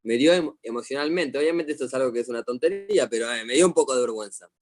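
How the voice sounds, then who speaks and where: A middle-aged man with an Argentine accent, a psychologist teaching a class over a video call, telling stories in a lively way and asking questions. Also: mid-range voice, rapid-fire. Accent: Argentine Spanish. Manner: animated storyteller, asks the class questions. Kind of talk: online lecture to a class.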